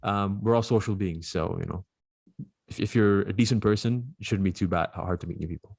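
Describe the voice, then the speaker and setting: A young man from Dubai talks fast and casually as a guest, stringing thoughts together with lots of fillers. His voice sits fairly low. The sound is dry, with no room around it. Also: vocal fry, a little mellow, breathy edge, dry recording. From Dubai, UAE. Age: 20s. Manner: rapid, chatty, frequent fillers. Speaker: podcast guest. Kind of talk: casual interview conversation.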